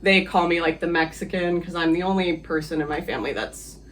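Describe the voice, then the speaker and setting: A man's voice: on the high side, brisk, a bit bright, slight background noise. A man from the Philippines, a guest on an interview podcast, talking casually and hesitantly with many fillers and easy laughs.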